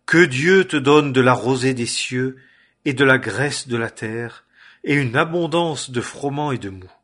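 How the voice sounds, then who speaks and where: A man reading the lines of an aged blind father in a solemn, measured way. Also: medium pitch, lively intonation, fairly bright tone, slightly rough. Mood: solemn blessing.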